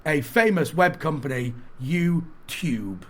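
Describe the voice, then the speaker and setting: A man's voice: on the high side, lively intonation, slow pace, a bit bright, slight background noise. A man reading out short word-game clues in a clipped, clue-by-clue way.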